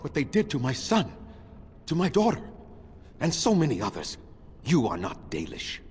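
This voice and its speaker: Voicing a proud, bitter, ancient elf clan leader in a fantasy game, a man with a fairly low voice speaks in a measured, formal and condescending way. His mood is anguished and bitter.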